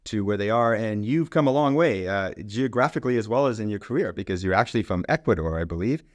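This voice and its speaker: A middle-aged man hosts a podcast, holding a casual interview conversation in a fairly low, animated voice and talking fast. He's chatty and rambling, often restarting his sentences. The studio sound is clean, with no room sound.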